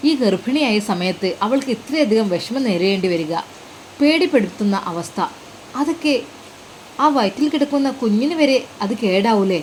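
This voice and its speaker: A woman voicing a caring older mother figure who speaks calmly and protectively. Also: fairly high pitch, normal speed, slight background noise, lightly acted, poor audio. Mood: protective earnest.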